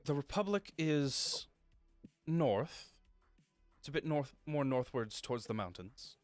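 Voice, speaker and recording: A male game master narrates a tabletop game on a stream. He talks slowly and haltingly, filling pauses with ums and uhs. His voice is close and dry, with faint music underneath. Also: mid-range voice, expressive, no room sound. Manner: hesitant, many fillers, laughs easily.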